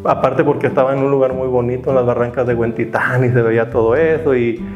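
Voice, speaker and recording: A man's voice: mid-range voice, fairly even intonation, fast. A man in his fifties from Mexico, reflectively telling the story of his life as an artist and teacher. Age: 50s. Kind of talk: personal testimony interview. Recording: roomy, slightly dull sound with guitar music behind.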